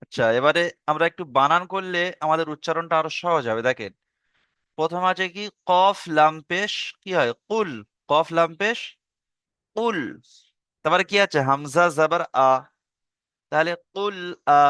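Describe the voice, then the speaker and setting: Bright-voiced man teaching Quran recitation. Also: on the high side, smooth, dry recording, clean studio sound. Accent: Bengali, from eastern India. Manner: spells out letters and vowels, then recites slowly in a drawn-out chant; asks learners to repeat after him. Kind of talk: online Quran reading lesson.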